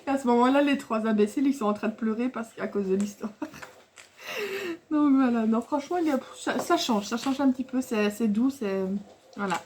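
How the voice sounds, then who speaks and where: Chatty rambling woman, slightly high voice. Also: lively intonation, normal speed, a little mellow, a little hiss or hum. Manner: rambling and chatty, with many fillers and restarts; laughs often while talking. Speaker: scrapbooking vlogger showing a craft haul. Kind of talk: casual chat to camera.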